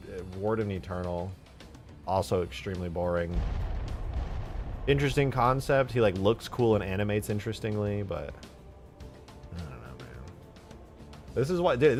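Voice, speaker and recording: Low-voiced young guy cussing and ranting on his stream, quiet game music behind. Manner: profane, exasperated, swings from mutters to loud outbursts.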